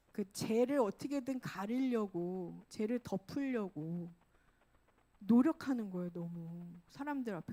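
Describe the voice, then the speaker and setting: A woman's voice: on the high side, warm tone. Woman preaching in a conversational, emphatic way. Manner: conversational preaching, frequent self-corrections. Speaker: pastor. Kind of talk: sermon.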